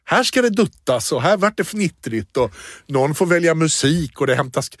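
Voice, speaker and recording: A man co-hosting a casual talk show, telling an anecdote in an animated way. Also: fairly high pitch, no room sound, clean studio sound. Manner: animated storyteller, acts out scenes. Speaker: podcast co-host. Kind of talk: casual chat, storytelling.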